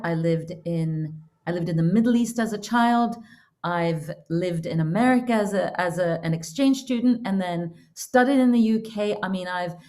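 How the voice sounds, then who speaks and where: A middle-aged woman from Norway speaks as an interview guest in an earnest, reflective manner. Her voice sits on the lower side, and she tells her story in a casual, unhurried way. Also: warm tone. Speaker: podcast guest, holistic counselor and coach.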